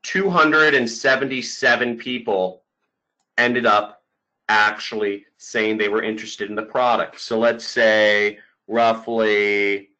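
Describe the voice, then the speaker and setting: A man giving an online sales pitch as a marketing coach, emphatic, repeating key points and often checking in with the listener. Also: steady tone, takes it slowly, pushed and bright, poor audio. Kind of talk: webinar sales pitch over slides.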